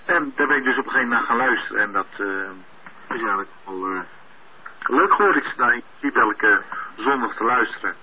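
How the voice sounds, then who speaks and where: A man's voice: medium pitch, a little fast. A radio amateur, a man, calls in over a two-way radio and talks in a hesitant way with many filler sounds. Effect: heard over a two-way radio. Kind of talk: casual on-air greeting. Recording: tinny radio channel with faint hiss.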